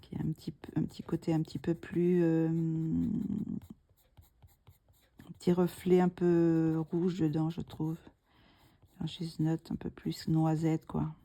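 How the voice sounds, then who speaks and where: A middle-aged woman with a deep voice and a completely flat delivery narrates a coloring tutorial. She's slow and soft-spoken, thinking things through aloud and often dropping into a whisper.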